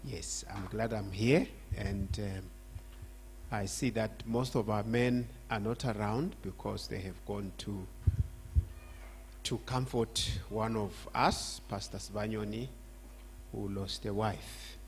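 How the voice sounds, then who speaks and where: Slow, emphatic older Zambian man speaking. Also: on the low side, steady tone, slight background noise. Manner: emphatic, repeats phrases with rising force. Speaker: guest speaker. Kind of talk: church address.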